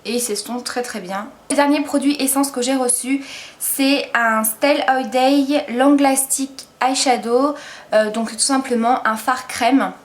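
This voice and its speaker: In a high-pitched, steady, unhurried voice, a woman gushes about makeup in a casual beauty-vlog review. Her chatty, enthusiastic talk is full of hesitant fillers.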